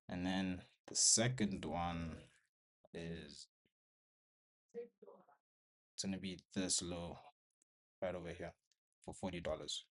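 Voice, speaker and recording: A young man recording a casual trading vlog at home, talking viewers through his trade in short broken phrases and a little out of breath. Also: low-pitched. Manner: talks to viewers while watching the screen, in short broken phrases. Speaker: trading vlogger. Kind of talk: casual live commentary. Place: bedroom at home.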